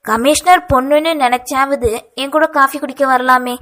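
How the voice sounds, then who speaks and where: A woman voicing a bold, bossy young woman in an audio novel, speaking with brisk, insistent questions. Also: sits high, fairly even intonation, a bit bright. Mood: pleading.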